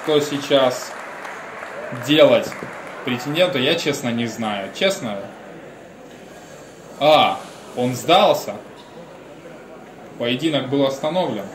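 A man with a medium-pitched voice works as lead commentator, giving live commentary on a combat sports bout. There's slight background noise, roomy echo and music behind him.

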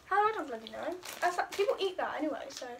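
Casting: young woman, very high voice, casual banter, recorded amid clear crinkling noise. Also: very animated, fast. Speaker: challenge video host. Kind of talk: casual chat with friends. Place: small room by a window. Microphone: camera a short distance away. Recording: noisy, crinkling packets and clicks.

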